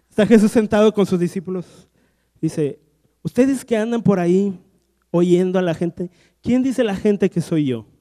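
Man, pastor preaching, storytelling, acts out dialogue, high voice, long hall reverb. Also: unhurried, long pauses, warm tone. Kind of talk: sermon. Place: church hall.

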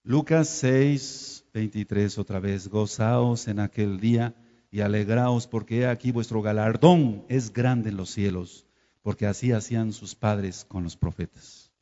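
A man with a Mexican Spanish accent preaching a sermon, firing rhetorical questions and swinging between quiet and loud. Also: fairly low pitch, fairly even intonation, a little slow. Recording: dull lo-fi sound with long hall reverb.

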